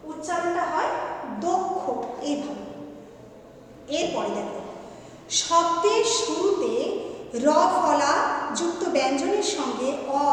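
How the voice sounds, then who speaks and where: A woman teacher giving a grammar lesson, who patiently repeats each rule and asks rhetorical questions. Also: high voice. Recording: echoey hall, far from the mic, faint noise.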